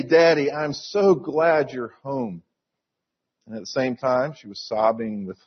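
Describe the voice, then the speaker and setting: Middle-aged male pastor, earnest sermon delivery, unhurried, slightly husky voice, somewhat dull recording. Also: medium pitch. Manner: slow, earnest storytelling with emphatic repetition.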